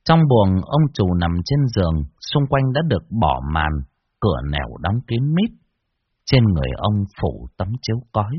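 A man narrating a scripted horror story with an expressive, varied delivery. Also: fairly low pitch, moderate pace, muffled recording, a little hiss or hum.

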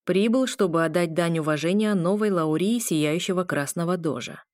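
A woman's voice: on the low side, normal speed, darkish tone, no echo, clean studio sound, natural voice. A woman voicing a boastful, sly male legate guard in an audiobook. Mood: formal.

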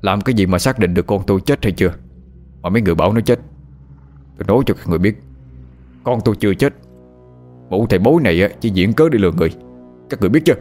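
A bitter middle-aged father lashing out in defiance, cursing at the crowd, as a male storyteller voices him. It stays close to the narrator's own low voice, with a faint music bed beneath. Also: animated, very fast, pauses often, a little mellow. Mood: angry, defiant. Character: angry grieving middle-aged father, a doctor.

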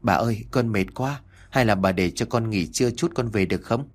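A man's voice: on the low side, brisk, close to an everyday voice. A man voicing a frightened, confused young housemaid who stammers and pleads in an audiobook. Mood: confused pleading.

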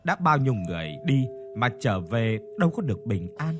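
A man narrating a horror story in an expressive, dramatic manner. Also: mid-range voice, brisk, over music.

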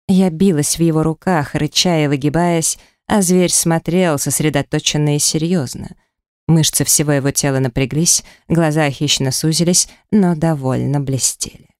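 A woman reads a first-person audiobook in a smooth, resonant voice. She is recorded close and dry in a studio. Her reading carries tense, emotional drama. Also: sits low, a little mellow, dry recording. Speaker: audiobook narrator. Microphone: close studio mic.

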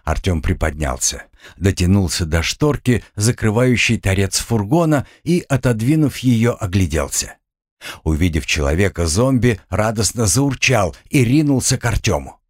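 Male audiobook narrator, lowish and animated, dry booth sound. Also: moderate pace, no room sound. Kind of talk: scripted narration.

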